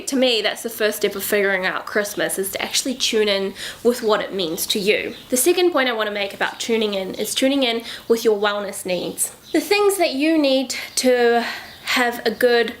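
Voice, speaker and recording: A woman's voice: fairly high pitch, slight background noise, poor audio. A young woman talking casually and reflectively to the camera in a lifestyle vlog, with many fillers and self-corrections. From Southern Hemisphere. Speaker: lifestyle vlogger.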